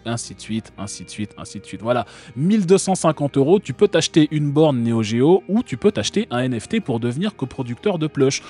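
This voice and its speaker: A man's voice: mid-range voice, warm tone. A man from France hosting a live stream, talking casually and sarcastically with many fillers and restarts.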